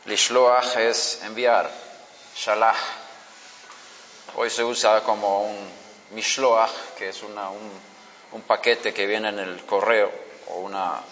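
Slow, deliberate male Bible teacher. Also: fairly low pitch, bright, forceful tone, a little hiss or hum. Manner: deliberate, explains word by word with frequent pauses. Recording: reverberant hall, dull lo-fi sound.

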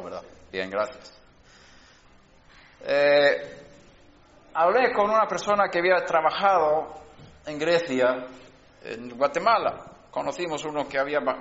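A man's voice: fairly high pitch, expressive, normal speed, a bit bright. A man preaching a sermon, explaining word origins in a teaching manner with frequent restarts and rising to fervent exhortation. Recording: roomy, dull lo-fi sermon recording.

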